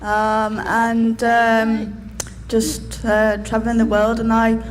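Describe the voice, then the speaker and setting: A woman's voice: on the high side, monotone, takes it slowly, a little hiss or hum. A woman in her twenties with an English accent, speaking on a panel with many hesitant ums. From England. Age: 20s. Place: conference hall.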